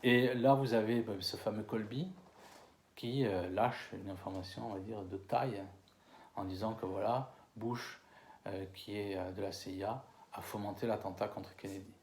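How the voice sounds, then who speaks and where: A man from France giving a conference lecture, hesitant with many fillers and restarts, slowing down over names. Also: fairly low pitch, fairly even intonation, darkish tone, slight background noise. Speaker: conference speaker. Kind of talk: lecture to an audience. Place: conference hall.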